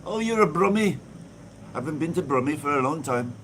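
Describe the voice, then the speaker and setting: A man's voice: a little high, lively intonation, fairly quick, fairly bright tone, slight background noise. A man from England chatting casually on a phone live stream, bubbly and reading viewer comments aloud while outdoors. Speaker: vlogger hosting a live stream. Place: outdoors with a church view behind. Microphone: phone held in front of him.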